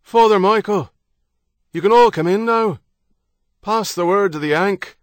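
A man voicing a bold, cheerful Irish trickster with an Irish accent who calls out loudly and heartily. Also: on the high side, moderate pace, no room sound, clean studio sound, voice pushed up, natural voice. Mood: hearty. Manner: loud, hearty calling out.

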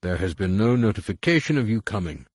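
A man's voice: on the low side, big pitch swings, fast, slightly rough, dry recording, studio quality, pitched above the performer's own voice. A man voicing a formal, pompous male general who blusters under pressure. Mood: stiff.

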